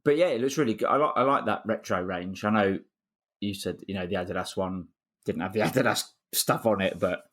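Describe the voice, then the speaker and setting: A man's voice: fairly low pitch, a little fast, fairly bright tone. A man co-hosting a football fan podcast, easygoing and chatty, retelling stories with quoted asides. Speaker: podcast co-host. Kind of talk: casual fan chat.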